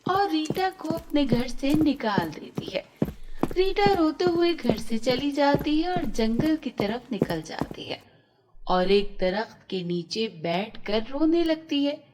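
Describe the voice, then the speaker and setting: Slow expressive woman storyteller. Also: high-pitched, heavy background noise. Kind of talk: scripted children's story narration.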